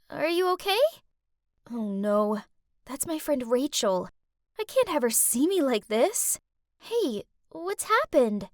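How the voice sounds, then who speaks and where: A woman narrating an animated story in first person as a scheming teenage schoolgirl, in an expressive, animated storytelling manner. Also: high-pitched, dry recording, clean studio sound.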